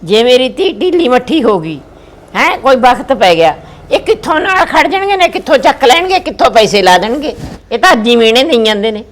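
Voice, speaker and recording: A woman's voice: fairly high pitch, very animated, fairly quick. An older woman with a Punjabi accent playing a mother in a village family drama, complaining and lamenting.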